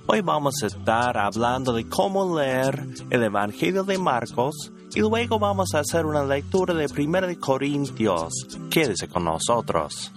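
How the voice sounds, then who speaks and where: A man presenting a radio Bible program, teaching and leading a prayer in a calm, measured, reverent way from a studio. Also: medium pitch, over music.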